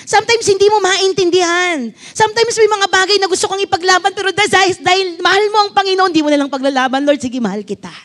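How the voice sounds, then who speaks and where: High-voiced Filipino woman pastor preaching. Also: quick pace, fairly bright tone. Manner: fervent, mixes English into Filipino, asks the congregation questions. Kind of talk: sermon.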